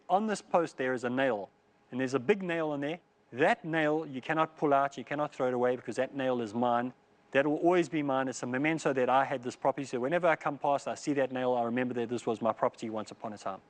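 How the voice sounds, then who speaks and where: A man preaching, telling a long parable and acting out the lines of its characters. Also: medium pitch. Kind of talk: storytelling sermon.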